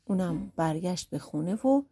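A woman narrates a folk tale audiobook with lively, dramatic emphasis. Her voice is mellow and warm with a husky, slightly breathy edge. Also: fairly low pitch.

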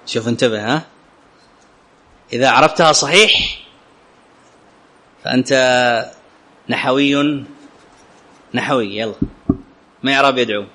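A man teaching an Arabic grammar lesson, often asking his students whether it is clear and reciting quotations slowly. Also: medium pitch, pushed and bright. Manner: questions students often, checks understanding; clears his throat now and then.

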